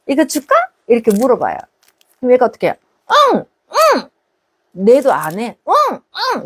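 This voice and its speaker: A woman's voice: a little high, darkish tone. A woman, a parenting counselor, answering viewers' questions on a live stream and acting out exchanges between parents and children.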